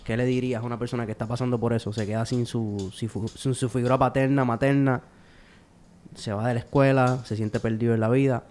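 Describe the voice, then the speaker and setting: A man's voice: mid-range voice, flat delivery, a little fast, a little mellow. A man hosting an interview, asking a long question with hesitant restarts and fillers. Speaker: interview host.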